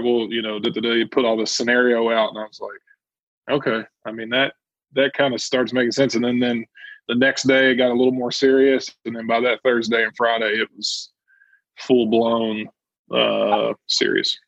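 A man with an average-pitched voice chats casually on a podcast. He rambles and hesitates, with plenty of fillers and restarts. The sound is somewhat muffled and dry. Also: flat delivery, normal speed, fairly bright tone, no room sound. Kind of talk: casual chat.

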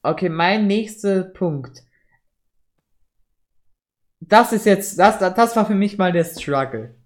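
A man's voice: sits high, expressive, slow pace. A young man chatting candidly and casually with a friend. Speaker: co-host. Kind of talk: casual chat.

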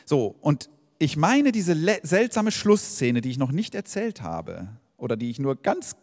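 Lively male preacher in a reverberant hall. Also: fairly high pitch. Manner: conversational preaching with rhetorical questions. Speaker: pastor. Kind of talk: sermon. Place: church service hall.

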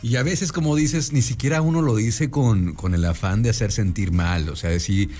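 A man hosting a conversational interview, attentive and quick with short agreements. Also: fairly low pitch, warm tone, soft background music. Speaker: host.

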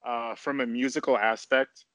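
A man's voice: mid-range voice, fairly even intonation, normal speed, a bit bright, no room sound. A man chatting casually, hesitant and full of fillers and restarts. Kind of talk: casual conversation.

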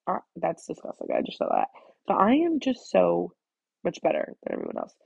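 A teenage girl with a nasal voice, rambling fast through a casual solo vlog, full of "like". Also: fairly low pitch, huge pitch swings, creaky, a little mellow, breathy edge, no room sound, dull audio. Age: teens. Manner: fast-talking, scattered, full of "like". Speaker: student vlogger.

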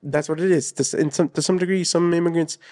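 Here a male co-host of a laid-back movie podcast talks quickly in a slightly high, steady voice with a darkish tone. He's earnest and tends to ramble, scattering "like" and "you know" throughout the casual conversation.

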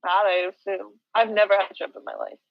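Dramatic young woman on a chat podcast, kinda husky, dry sound. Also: mid-range voice, little pitch movement, fairly quick, no echo, lo-fi sound. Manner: dramatic, easily upset by odd food. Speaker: podcast co-host. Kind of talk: casual chat.

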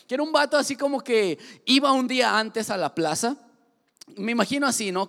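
A man in his thirties with a Mexican accent, preaching a sermon in a joking, lively way and acting out little voices. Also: high-pitched. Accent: Mexican Spanish. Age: 30s. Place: large church hall. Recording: church hall reverb.

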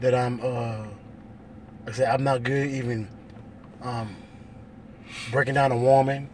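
A man's voice: medium pitch, little pitch movement, measured pace, slight background noise. A man co-hosting a casual podcast, brash and joking, with heavy slang and cursing. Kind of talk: casual group chat. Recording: chatter heard behind the voice.

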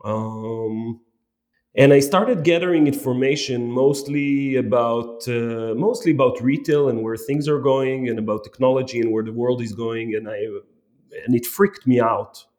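A man, a company marketing chief, telling his story as an interview guest, often halting and restarting phrases. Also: mid-range voice, darkish tone.

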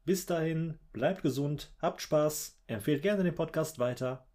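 A man hosting a literature podcast, reciting playful one-vowel poems with dry humor. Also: measured pace. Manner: dramatic, wry recitation with lively pitch swings. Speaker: podcast host.

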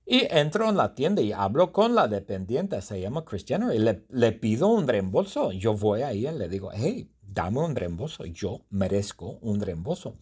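A man's voice: lowish voice, big pitch swings, moderate pace, hardly any pauses, a little mellow, slightly rough. Man playing a bumbling, indignant storybook guy. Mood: playful. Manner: first-person storytelling, exaggerated indignation.

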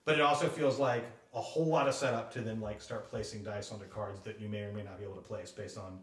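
A man co-hosting a podcast, thinking out loud in a rambling, casual way. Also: on the low side, fairly even intonation, fast, far from the mic. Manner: rambling, thinks aloud with fillers. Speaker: podcast co-host. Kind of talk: casual board game podcast chat. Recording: roomy sound, a bit off mic.

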